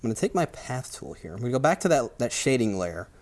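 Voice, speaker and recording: A man presenting a software tutorial, giving brisk step-by-step instructions. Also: medium pitch, sing-song.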